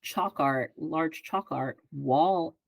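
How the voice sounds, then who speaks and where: A woman in her fifties, a guest on a podcast, explaining her work in a measured way and often checking in with "right?". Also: sits low, gravelly, dry recording, poor audio. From greater Philadelphia area. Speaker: advertising executive guest. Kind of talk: podcast interview answers.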